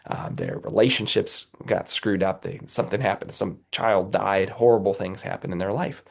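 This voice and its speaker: A man with a cold speaks as an interview guest, his voice low and gravelly with a raspy edge. He talks earnestly and motivationally, repeatedly checking in with the listener. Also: fairly even intonation, normal speed. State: has a cold, under the weather. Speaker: guest, company executive.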